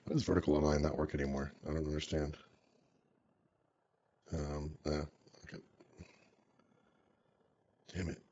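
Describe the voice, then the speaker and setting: A man's voice: very deep voice, level tone, a little slow, long pauses, mellow, dull audio, a little hiss or hum. A man talking through a voice changer, rambling and thinking aloud in casual chat while he codes. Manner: rambling, hesitant, muttering to himself with many fillers. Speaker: streamer coding a website.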